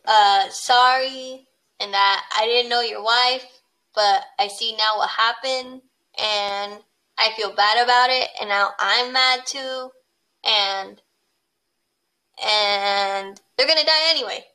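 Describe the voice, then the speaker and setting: A woman playing in an improvised fantasy game. She answers in a relaxed, hesitant way. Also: on the high side, slow, poor audio. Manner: laid-back, hesitant replies. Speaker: player. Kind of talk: casual role-play chat.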